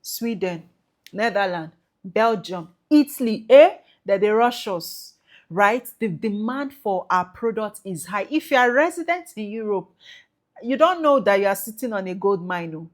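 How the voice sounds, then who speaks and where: A woman's voice: medium pitch, lively intonation, measured pace. Nigerian lady business coach selling her class, keeps asking okay? right?, punchy delivery. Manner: emphatic, repeats tag questions like okay and right; mixes in Nigerian Pidgin phrases. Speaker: export business trainer. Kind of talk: promotional talk to prospective students.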